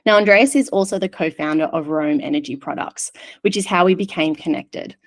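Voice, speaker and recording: A woman hosts a webinar over a video call. Her voice sits slightly low, and she reads a friendly introduction with the odd filler. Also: brisk. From Australia. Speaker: webinar host. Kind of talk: hosting a webinar.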